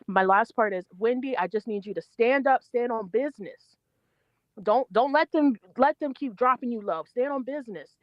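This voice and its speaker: A woman's voice: a little high, moderate pace, no echo. A woman calling in from work by phone, rambling with lots of fillers, then getting blunt. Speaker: caller. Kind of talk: call-in opinion. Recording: dull dry phone audio.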